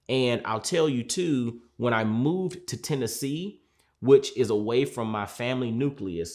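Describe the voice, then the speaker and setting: A man, a mindset coach from Georgia, talking in a reflective sit-down, earnest and measured, repeating phrases for emphasis. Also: medium pitch. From Georgia, USA.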